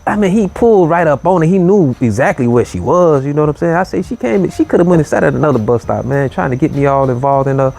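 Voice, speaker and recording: A man hosting a late-night show, telling a story in a relaxed, easygoing way, with lots of "you know" and "man". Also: on the high side, fast, gravelly, few pauses. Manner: laid-back, drawling, full of "you know" and "man". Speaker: host.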